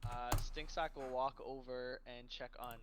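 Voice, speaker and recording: A man's voice: medium pitch, steady tone, unhurried, heavy background noise. A man playing a tabletop game, casually narrating what his character does.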